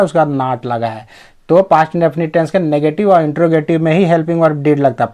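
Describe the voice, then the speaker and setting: Slow, patient male English teacher. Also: on the high side, darkish tone. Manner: reads English slowly, then explains in Hindi. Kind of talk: reading lesson, explaining line by line.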